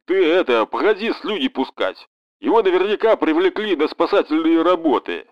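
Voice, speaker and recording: Guy doing a chill southern russian businessman, chewing gum, um-ing a lot, lively pitch. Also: normal speed, dry recording, muffled recording. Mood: casual. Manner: casual, hesitant with fillers.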